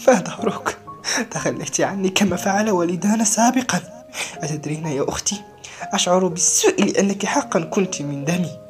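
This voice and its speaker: Woman playing a heartbroken young orphan guy, yelling high and raw, low soft music under it. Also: brisk, close to an everyday voice. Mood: bitter shouting. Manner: shouting, reproachful, heated. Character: anguished young man, bitter orphan.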